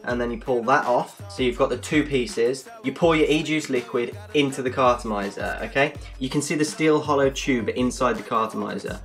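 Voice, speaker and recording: A man's voice: medium pitch, normal speed, hardly any pauses, a bit bright, faint music behind. Chatty man reviewing a gadget. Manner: chatty, jokey, explanatory. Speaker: product reviewer. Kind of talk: casual product review.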